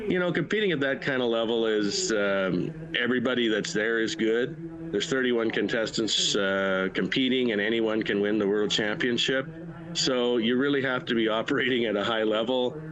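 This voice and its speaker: A man's voice: medium pitch, moderate pace, crowd noise, low-quality recording. A middle-aged man with a Canadian Prairie accent, answering interview questions in a plain-spoken way, in short bursts. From Manitoba, Canada. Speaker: livestock auctioneer, interview guest. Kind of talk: casual interview conversation.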